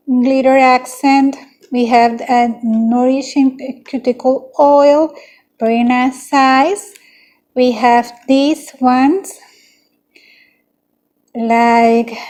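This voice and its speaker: Slow, mellow-voiced woman unboxing nail products. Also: high voice. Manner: unhurried, listing items one by one. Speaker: beauty channel host. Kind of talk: unboxing vlog.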